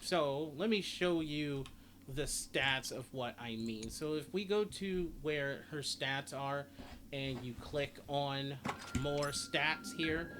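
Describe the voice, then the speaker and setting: A man with a fairly high voice speaks slowly as he makes a casual guide to a video game, explaining things and reading stats aloud. Game ambience and sounds come through clearly behind him.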